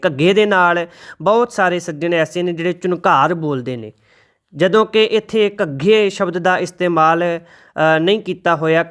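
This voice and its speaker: A man teaching the correct pronunciation of scripture, reciting verses slowly and deliberately and spelling out letters. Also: high voice, fairly bright tone, clear, resonant tone. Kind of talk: recitation lesson with slow chanted verses.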